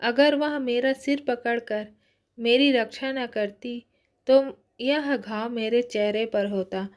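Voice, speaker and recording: A woman voicing a protective young man who speaks gently and reassuringly, at an unhurried pace. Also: a little high. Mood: gentle.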